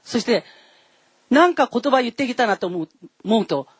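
A woman's voice: on the high side, animated, moderate pace, husky, no room sound. A woman giving a sermon in a conversational, explaining way, addressing the congregation directly with frequent tag words. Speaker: preacher.

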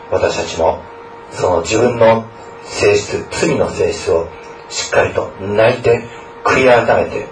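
A man's voice: lowish voice, slight background noise. A man, a school chaplain, praying and preaching to students in an earnest way, often adding a questioning tag to his sentences. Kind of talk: scripture reading, prayer and sermon. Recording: echoey room, distant mic.

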